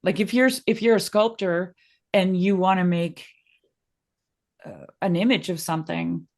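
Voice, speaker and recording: Animated woman with a lowish voice. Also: unhurried, gravelly. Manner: animated, eager to connect ideas. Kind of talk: casual philosophical discussion.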